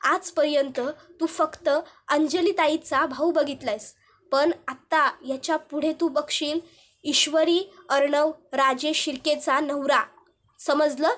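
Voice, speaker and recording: A woman's voice: high-pitched, steady tone, slow, fairly bright tone. A woman voicing a stern young husband in a TV serial who warns another man off his wife. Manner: stern, threatening.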